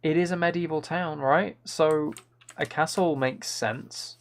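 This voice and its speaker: This man's voice sits on the high side, and he takes his time, chatting casually on a gameplay stream while thinking out loud and eagerly rambling through ideas. Keyboard clicks and background noise come through a clear recording.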